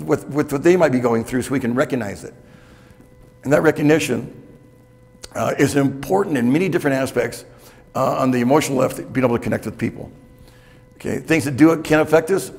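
Wearing a lapel mic in a reverberant hotel conference hall, a man in his sixties gives a candid, chatty keynote to the audience, often checking in with "okay?". He speaks at a medium pitch with vocal fry and a slightly mellow quality.

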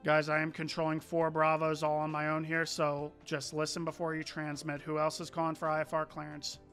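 A man's voice: a little high, completely flat delivery, fairly quick, a bit bright, soft background music. A young man acting as an air traffic controller, giving clipped, procedural radio instructions for a flight simulator.

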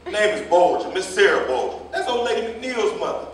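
His voice sits high with big pitch swings at a moderate pace, playing a gossipy, indignant cab driver who meddles and rambles through long stories in a staged reading. A distant mic on an echoey stage picks up faint noise.

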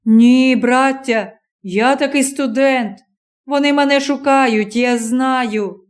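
A woman reading an audiobook, voicing a hunted young male student who pleads with a crowd and breaks into shouts. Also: high-pitched, slow pace. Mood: pleading.

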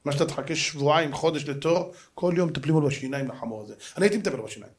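A man, a rabbi giving a dramatic Torah lesson in slangy everyday talk, acting out the characters of his story. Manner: dramatic storytelling, acts out characters with swings of pitch and loudness; slangy, colloquial street Hebrew.

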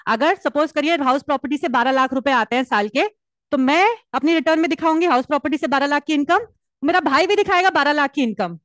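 A woman lectures a class in a high, bright voice, teasing and joking as she explains. The sound is dry and close, with no room echo. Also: fast talker. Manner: lively, teasing, mixes Hindi and English. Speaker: teacher.

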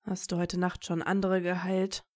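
A woman's voice: fairly low pitch, fairly even intonation, slow pace, creaky, darkish tone, slightly rough, no room sound, clean studio sound, full character voice. A woman reading aloud and voicing a stern, wounded male teacher who speaks in clipped, terse questions. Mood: suspicious.

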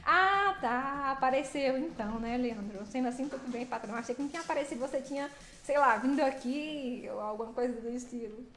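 A woman's voice: high-pitched, brisk, fairly bright tone, echoey room, soft background music. A woman chatting casually on a livestream while driving, playfully greeting viewers by name. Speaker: livestreaming truck driver. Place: vehicle cab while driving.

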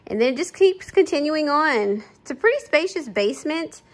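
A young adult home vlogger chats casually through an empty house, holding her phone camera as she walks between rooms. Her high-pitched voice is expressive and moves at a moderate pace, and ums come up frequently.

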